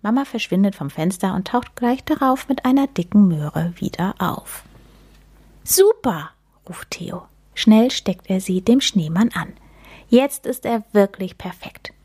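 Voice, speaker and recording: A woman reading a children's story aloud in a gentle, expressive storytelling manner. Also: mid-range voice, unhurried, breathy edge. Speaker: narrator.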